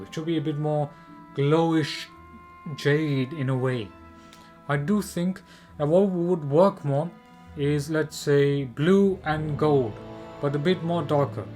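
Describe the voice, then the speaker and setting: A man's voice: a little high, darkish tone. A man giving opinionated video game commentary, emphatic and repetitive, often posing rhetorical questions. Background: music.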